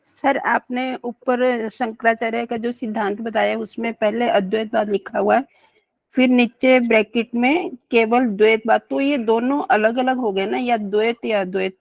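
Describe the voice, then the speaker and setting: A woman's voice: a little high, steady tone, unhurried, vocal fry, no room sound, muffled recording. A woman student politely asking her teacher a question in an online class.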